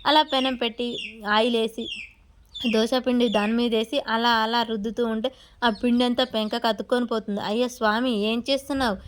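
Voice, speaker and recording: A woman narrating a TV serial episode in a quick, plain storytelling manner. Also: fairly high pitch, flat delivery, slight background noise.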